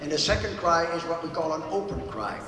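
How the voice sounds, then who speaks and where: A man's voice: on the high side, very animated, fast. A man acting as master of ceremonies, announcing casually in a chatty, joking manner, repeating himself. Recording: echoey, distant mic, crowd noise.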